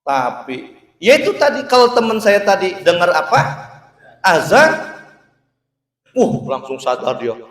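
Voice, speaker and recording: Male preacher, storyteller, joking and direct; slow, fairly high voice. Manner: lively, joking, addresses listeners as Pak. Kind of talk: Islamic sermon storytelling. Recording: roomy, distant mic.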